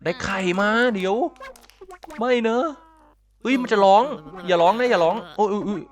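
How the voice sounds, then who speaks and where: A man giving excitable let's-play commentary, reacting with quick exclamations and repeating his words. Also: high voice. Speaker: gameplay commentator.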